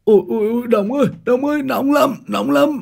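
A man voicing a scarred rough man, yelping in pain. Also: very high voice, quick pace, a little mellow, pitched above the performer's own voice, exaggerated voice. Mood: panicked. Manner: yelping in panic. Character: panicking scarred middle-aged man.

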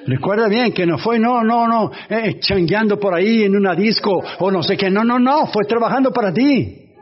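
Husky high-voiced male preacher. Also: normal speed, lo-fi sound. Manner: animated storytelling preacher, imitates sounds. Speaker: pastor. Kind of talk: sermon.

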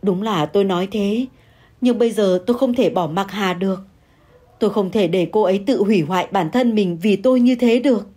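A woman's voice: mid-range voice, fairly quick, mellow, breathy edge, close to an everyday voice. A woman playing a torn older husband who speaks in a hesitant, flustered way. He stammers and hurries his words. It is heard in a read-aloud audio story. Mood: hurried.

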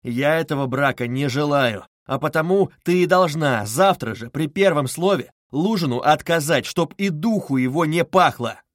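A man's voice: a little high, moderate pace, few pauses, no echo, studio quality, natural voice. A man voicing a feverish, irritable young man. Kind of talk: audiobook character reading.

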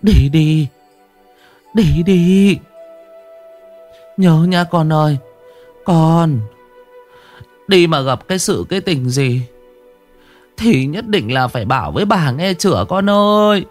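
A man voicing a frail old grandmother in her later years, with a hoarse voice, tender and sorrowful. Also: very deep voice, big pitch swings, measured pace, faint music behind, pitched below the performer's own voice, heavily acted. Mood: tearful urging. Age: over 60. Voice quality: hoarse, husky voice. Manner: soft, pleading, tearful.

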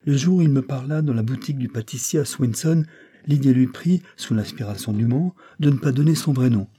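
A man's voice: mid-range voice, a little fast, warm tone, slight background noise, voice pushed up, lightly acted. A man voicing a young woman witness who answers with trembling, indignant outbursts in an audiobook. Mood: defensive.

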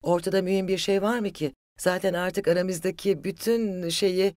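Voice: mid-range voice, fairly even intonation, moderate pace, darkish tone, no echo, clean studio sound, pitched above the performer's own voice, close to an everyday voice. A reader voicing Avdey, a hot-headed young man. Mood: agitated. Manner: raised, agitated, mocking. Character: hot-headed young male suitor, proud and bitter.

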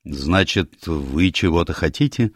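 A man's voice: expressive, measured pace, no echo, clean studio sound. A man voicing a wealthy, businesslike middle-aged financier in a read-aloud story. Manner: businesslike, low-voiced.

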